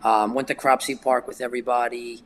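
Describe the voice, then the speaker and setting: A man's voice: medium pitch, little pitch movement, a little fast, slight background noise. A man, chatting casually as a podcast guest and rambling with lots of fillers. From New York. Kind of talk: casual chat.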